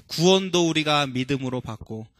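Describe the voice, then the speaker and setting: A male preacher giving a sermon in a church, talking to the congregation with frequent questions and slowing down for emphatic scripture quotes. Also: on the high side, lively intonation, fairly bright tone, dry recording.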